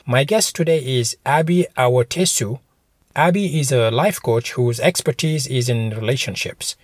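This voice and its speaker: A man's voice: medium pitch, no room sound. A man hosting a motivational podcast, talking to listeners in a direct, encouraging way. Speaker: podcast host.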